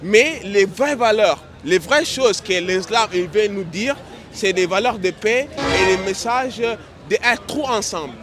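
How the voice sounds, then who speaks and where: A man from Senegal on a city street, speaking earnestly and haltingly, often restarting his sentences. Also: sits high, expressive, music in the background, a crowd in the background. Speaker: passerby. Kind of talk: street debate.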